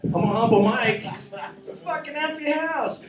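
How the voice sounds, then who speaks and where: A man in his forties rambles through a profane, self-mocking open-mic stand-up set in a small cafe. His voice sits high for a man, and it comes through in an echoey room with the mic set well away from him. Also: moderate pace, recorded from a distance, a loud crowd. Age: 40s. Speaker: stand-up comedian.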